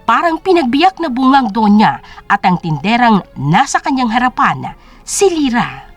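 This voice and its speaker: A high-pitched female audio drama storyteller narrates a scripted dramatic story with very animated intonation at normal speed, faint music playing behind her.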